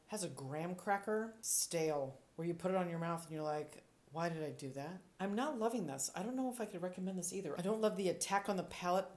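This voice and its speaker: A woman sommelier reviews wines in casual tasting commentary, thinking aloud with playful, descriptive asides. Her voice is lowish with a darkish tone.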